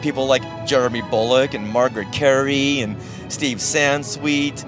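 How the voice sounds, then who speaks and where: An American man co-hosts a podcast in a casual, chatty way, his mid-range voice steady and his pace normal. Music plays behind him.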